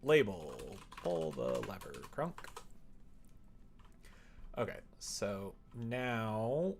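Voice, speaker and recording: Speaking very slowly yet very animatedly in a fairly low voice, a man livestreams as he codes a visual novel. He reasons aloud, mutters instructions under his breath, and talks back to viewers, while faint noise and keyboard typing run underneath.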